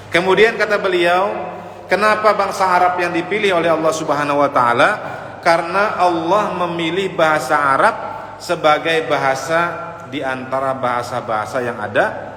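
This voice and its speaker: A man with a medium-pitched, pushed, bright voice preaches to a congregation, giving an informal lecture on the Prophet's biography. He speaks conversationally, addressing listeners directly and sprinkling in Arabic phrases and quotations, in an echoey hall with faint background noise.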